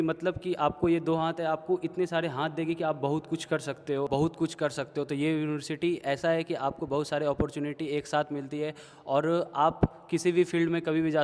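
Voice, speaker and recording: A young man in his twenties from Bihar, a third-year student giving earnest, steady answers with many fillers in a casual interview. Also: on the high side. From Bihar, India. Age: 20s. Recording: echoey room.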